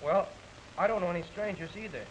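An actor playing a flustered, mild-mannered young husband in 1940s screwball comedy banter, stammering and fussily polite, on an old film soundtrack. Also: male voice, sits high, quick pace, highs cut off, slight background noise, close to an everyday voice. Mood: flustered, pleading.

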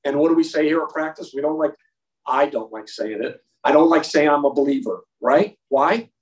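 A man's voice: a little high, moderate pace, far from the mic. Emphatic man leading a men's Bible lesson. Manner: emphatic, conversational, repeats words for stress. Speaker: men's Bible study leader. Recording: roomy sound from away from the mic.

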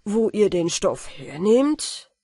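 A woman voicing a cheeky, bold young fisherman in a storybook reading, louder and eager. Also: medium pitch, very animated, slow, slightly rough, no room sound, studio quality, exaggerated voice.

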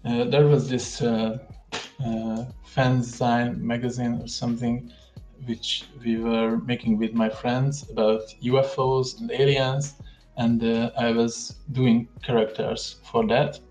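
A young man from Hungary with a Hungarian accent, a guest speaking over a headset on a video call, pausing often and filling gaps with "uh". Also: mid-range voice, flat delivery, darkish tone, reverberant, soft background music. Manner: hesitant, many pauses and fillers. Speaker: guest 3D artist. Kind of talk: livestream video call interview.

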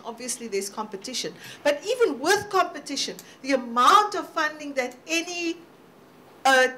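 A woman panelist giving measured, thoughtful answers in a roundtable discussion. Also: fairly high pitch, a bit bright. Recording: faint background noise.

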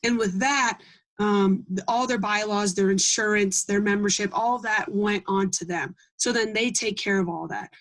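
Poor audio captures a young woman from Iowa, a Gold Award scout, discussing her project in an interview. Her medium-pitched voice moves at normal speed, and she speaks earnestly while often saying um and starting over.

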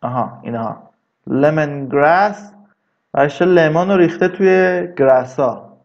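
A man teaching English vocabulary in a casual lesson, drawing words out slowly and adding chatty asides. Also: on the high side, darkish tone, muffled recording. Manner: slow, drawn-out repetition of words, chatty asides.

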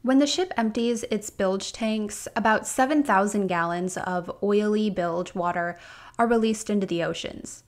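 A woman's voice: mid-range voice, normal speed. A woman hosting a podcast, reading a prepared script with a few casual asides of her own. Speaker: podcast host.

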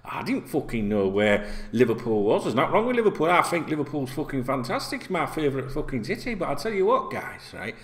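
Talking to camera in a small, plain-walled indoor room, a middle-aged football vlogger from Yorkshire, England goes off on a sweary, rambling, chatty rant. He speaks fairly quickly with few pauses, his slightly high voice swinging widely in pitch.

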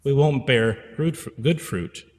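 Unhurried and medium in pitch, this priest in his forties delivers an earnest pastoral sermon at the pulpit, where a stand mic picks him up. He repeats phrases for emphasis, and his words ring out with a long reverb tail in the church sanctuary.

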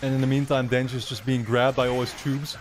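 A man in his twenties, an anime reaction YouTuber, thinks aloud in slangy, informal commentary at a quick pace with medium pitch and little pitch movement. He's close on a boom-arm studio mic in a small furnished indoor room.

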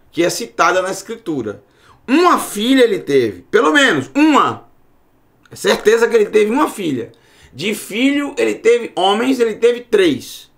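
A fairly high-voiced man teaching Bible Hebrew. He talks slowly and with a lively, rising and falling pitch. He repeats each word and keeps checking that his students follow. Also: vocal fry. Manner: explains slowly, repeats words, asks "né?" and "tá bom?". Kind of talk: recorded Bible Hebrew lesson.

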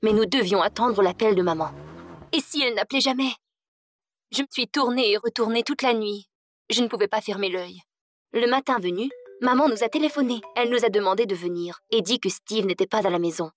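A woman narrates a first-person story in a scripted, storytelling delivery. Her voice sits at an ordinary middle pitch and swells with emotion in the dramatic parts. A faint music bed runs quietly beneath her. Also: brisk. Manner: dramatic, emotional delivery that rises in tense moments.

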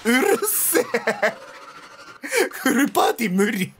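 A man streaming a horror game, panicky and rough-spoken, often shouting in fear. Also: very high-pitched, sing-song, a little slow, soft background music. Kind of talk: horror game let's play commentary.

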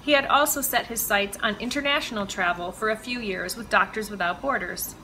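A woman author reading her own mystery novel aloud with measured, expressive storytelling. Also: medium pitch, a little hiss or hum, low-quality recording. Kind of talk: audiobook-style reading of fiction.

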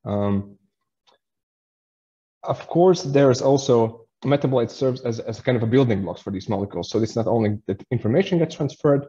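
A man's voice: mid-range voice, animated, moderate pace, mellow, dull audio. A man in his thirties from Latvia, giving a science lecture in a webinar, hesitant with fillers and restarts. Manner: hesitant, many fillers and restarts while explaining.

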